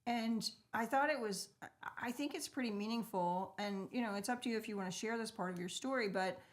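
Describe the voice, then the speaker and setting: A woman's voice: fairly high pitch, brisk. A woman hosting an interview, asking eager follow-up questions and reacting with empathy. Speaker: host. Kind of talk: casual interview conversation.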